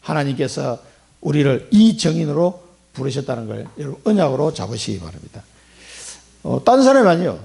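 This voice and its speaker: A man's voice: fairly high pitch, sing-song, fairly quick, gravelly, a little mellow. A middle-aged man preaching a sermon in church as pastor, asking the congregation rhetorical questions. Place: church sanctuary.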